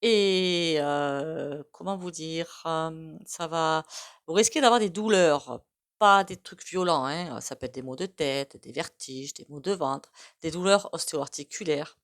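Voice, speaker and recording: A woman's voice: low voice, a little slow. A woman with a regional French accent giving a casual, rambling tarot reading, full of hesitations and asides. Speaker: tarot card reader.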